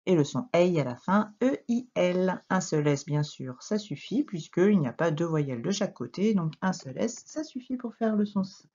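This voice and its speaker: A woman teaching French children to read, dictating words slowly syllable by syllable with lively emphasis. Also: on the low side, husky. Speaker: primary school teacher. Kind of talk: reading lesson for young children. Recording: dull lo-fi recording.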